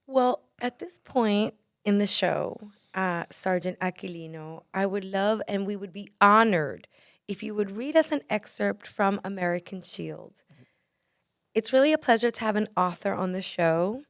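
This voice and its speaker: A woman's voice: medium pitch, measured pace, a bit bright, dry recording, studio quality. Enthusiastic woman podcast host. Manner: enthusiastic, effusive. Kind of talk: podcast interview.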